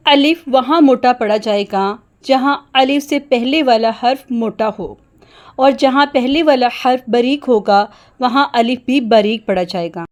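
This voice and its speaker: A woman teaching a recitation lesson in a high, smooth voice. She runs through the rules at a brisk clip, then slows right down to recite each example word with drawn-out, carefully weighted vowels. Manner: explains quickly, then recites example words slowly and loudly. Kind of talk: tajweed lesson.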